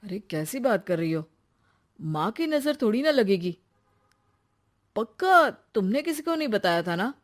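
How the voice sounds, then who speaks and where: A woman voicing an irritable young husband in an animated story, snappy and argumentative. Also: mid-range voice, a little slow, long pauses. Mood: irritated.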